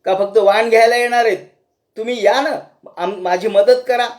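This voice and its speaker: A man's voice: high voice, fairly even intonation, moderate pace, lightly acted. A man voicing an exhausted male elephant king in a devotional story, pleading with and reproaching his family for help. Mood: pleading, reproachful.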